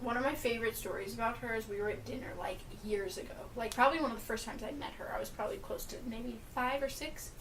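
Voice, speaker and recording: A young woman co-hosts a casual chat podcast, recounting family mishaps with animated energy and frequent laughter. Her voice sits high and bright. The mic catches her from a little distance, with a faint hiss behind. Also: fast talker, hardly any pauses. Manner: animated storyteller, laughs often. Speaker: podcast co-host.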